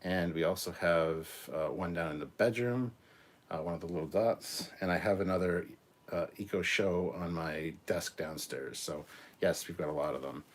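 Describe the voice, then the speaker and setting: A man in his forties with a very low, husky voice hosts a live stream. He rambles along in a relaxed way, answering viewer comments with plenty of ums and half-finished restarts. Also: normal speed. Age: 40s.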